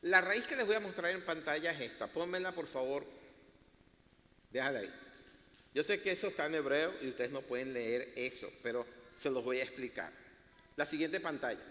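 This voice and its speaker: A man's voice: on the high side, sharp tone. A man preaching a sermon as pastor, teaching in a playful way and laughing at himself. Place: church hall. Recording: echoey church hall.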